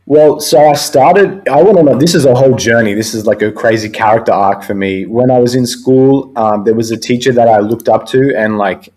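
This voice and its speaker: A man's voice: medium pitch, fairly quick, hardly any pauses, darkish tone, poor audio. A young man hosting a live talk show, chatting casually and laughing often. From Australia. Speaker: host. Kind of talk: casual chat.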